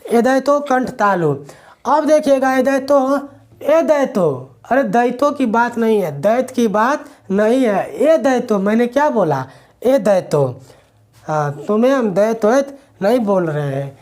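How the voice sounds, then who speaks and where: A man's voice: very high voice, animated, unhurried, a little mellow. A male teacher, giving a classroom grammar lecture to students. He asks questions and answers them himself, repeating the key words.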